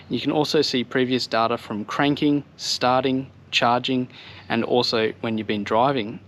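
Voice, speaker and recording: Outdoors on a home driveway beside a vehicle, an Australian man in his thirties vlogs an informal walk-through review of vehicle gear for his viewers. His voice is medium in pitch, with slight background noise.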